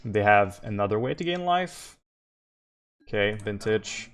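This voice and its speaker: This gameplay commentary comes from a man from Quebec with a Québécois French accent, reasoning aloud about his card plays during a live stream. He speaks at a measured pace in a lowish, clean voice with lively intonation, filling pauses often and chatting casually with viewers.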